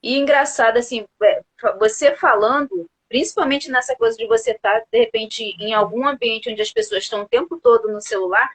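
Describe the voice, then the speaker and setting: A woman from Brazil with a high-pitched voice hosts a conversation over a video call. She asks questions in a thoughtful, engaged way. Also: lively intonation, fairly quick, husky, rough recording. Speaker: interviewer. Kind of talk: conversational interview.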